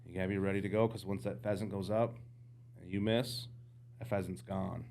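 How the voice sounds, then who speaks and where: A man, an outdoorsman from the United States, telling hunting stories as a podcast guest in casual, animated chat. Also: low-pitched, fairly quick, gravelly, a little hiss or hum. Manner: animated storyteller, jumps into quoted voices.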